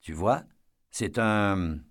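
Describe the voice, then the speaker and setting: A man playing an older, haunted war veteran who speaks slowly, precisely and softly, in an audiobook reading. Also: on the low side, dry recording, clean studio sound, full character voice. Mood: gentle. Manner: slow, precise, softly spoken.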